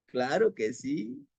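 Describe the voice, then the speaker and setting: Man telling a fable real slow, slightly high voice, keeps asking "right?". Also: creaky, husky, no room sound. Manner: tag questions, warm address to listeners. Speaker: storyteller. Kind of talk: oral fable telling with a moral.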